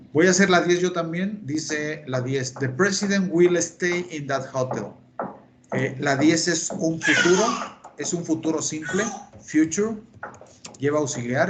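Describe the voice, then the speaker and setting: A male teacher leads a virtual English lesson, walking through each example slowly and repeating the key terms. His voice sits a bit high for a man. Faint noise hums under his computer microphone. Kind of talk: online class lecture in Spanish. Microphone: computer mic on a video call.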